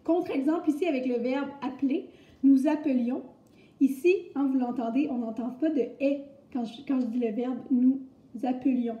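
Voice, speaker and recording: A woman's voice: sits high, fairly quick, few pauses. Chatty Québécois woman teaching, echoey room. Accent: Québécois French. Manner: chatty, explains step by step with many fillers. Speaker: French teacher. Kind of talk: recorded grammar lesson. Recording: echoey, muffled room recording.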